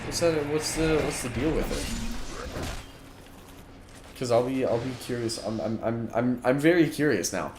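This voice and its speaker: A man's voice: medium pitch, animated, normal speed, long pauses. A man streaming a game, giving live let's-play commentary in an exasperated rant, with frequent restarts. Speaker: gaming streamer. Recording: echoey room with background noise.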